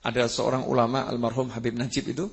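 A man preaching a sermon, animated, building to emphatic peaks and asking his listeners questions. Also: mid-range voice, quick pace. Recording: husky voice with long hall reverb.

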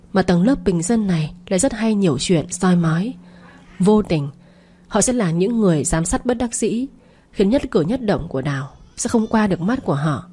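Low, husky woman narrating a story. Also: warm tone. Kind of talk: scripted audio-story narration.

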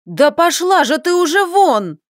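A woman voicing a furious young woman who shouts accusations at her lover. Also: extremely high pitch, sing-song, unhurried, dry recording, studio quality, voice pushed up, exaggerated voice.

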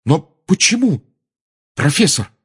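A man's voice: a little high, sing-song, slow, breathy edge, pitched above the performer's own voice, full character voice. A man voicing a defiant, sarcastic teenage boy. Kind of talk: audiobook character voice.

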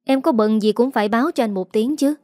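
A woman's voice: a little high, quick pace, warm tone, dry recording, studio quality, close to an everyday voice. A woman reading the lines of a worried middle-aged husband in an audiobook story, barely changing her voice. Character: gruff older husband, worried and demanding.

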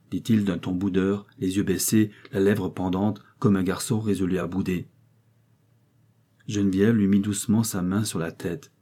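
A man narrating a novel as an audiobook reader in a measured, even way. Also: low-pitched, slightly rough. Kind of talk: scripted narration.

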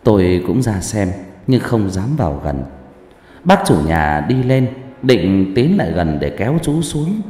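A man narrating a first-person ghost story in an expressive, dramatic way. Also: fairly low pitch, a little slow. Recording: echoey room, faint background music.

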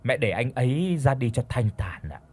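A man voicing a young woman who gently comforts her grieving mother-in-law, in an audiobook story. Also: medium pitch, big pitch swings, normal speed, breathy edge. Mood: gentle.

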